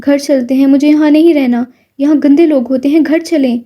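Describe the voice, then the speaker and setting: Woman doing a scared innocent girl, sobby and pleading, high voice. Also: fairly even intonation, mellow, lightly acted. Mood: tearful. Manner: sobbing, pleading. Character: innocent young woman, tearful and frightened.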